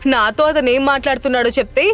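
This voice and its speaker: A woman's voice: high voice, fast talker, a bit bright, faint music behind. A woman voicing a cold, defiant young mother who speaks firmly in an audio drama. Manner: cold, firm.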